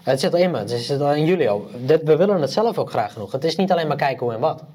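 A man talking in a casual podcast chat. He speaks fast, in a slightly higher-than-average voice. He is animated and enthusiastic and keeps restarting his sentences. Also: husky. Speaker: podcast co-host.

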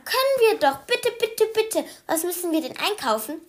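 A woman voicing an excited three-year-old boy who begs with repeated words in a children's storybook. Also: sits high, slow, pitched above the performer's own voice, heavily acted. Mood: pleading. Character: excited little boy, three years old, eager and pleading.

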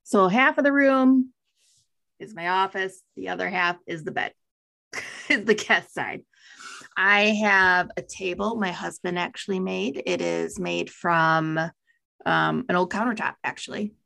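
A woman's voice: lowish voice, a little slow, creaky, bright, forceful tone. A woman co-hosting a podcast, chatting playfully and laughing often from her home office. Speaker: podcast co-host. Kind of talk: casual chat.

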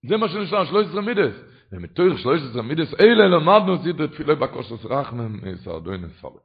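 A rabbi gives an impassioned Torah lecture in a fairly high man's voice. He rises at times into chanting. The recording is muffled and lo-fi. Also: very animated. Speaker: rabbi teaching a class. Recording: dull lo-fi recording.

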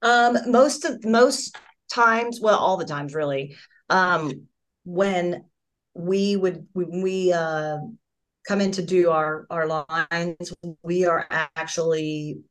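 A voice actress and singer in middle age speaks slowly in a fairly low-pitched voice as a guest on a casual video-call interview. Her storytelling is full of restarts.

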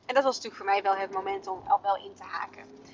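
A woman's voice: mid-range voice, quick pace, slight background noise. Chatty mom-host in her thirties, casual podcast storyteller, lo-fi sound. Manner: chatty, warm storytelling with many fillers. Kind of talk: casual spoken podcast monologue. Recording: dull, dry lo-fi sound.

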